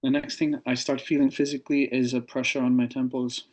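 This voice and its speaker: Flat-voiced man telling his story. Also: mid-range voice, fairly quick. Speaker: interview guest. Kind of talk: recounting a personal experience.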